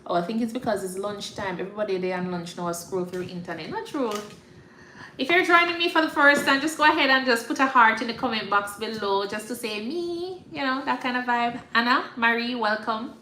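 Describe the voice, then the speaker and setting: Brisk, bright and forceful, a woman with a rather high voice and Jamaican accent hosts a casual livestream chat for her followers, regularly checking they're following along. She's a nurse practitioner, and the room sounds echoey with faint background noise.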